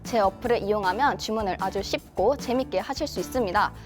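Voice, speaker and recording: A young woman in her twenties acting as a student show host, giving an upbeat, persuasive home-shopping sales pitch. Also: fairly quick, big-room sound, faint music behind. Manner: upbeat, persuasive selling patter.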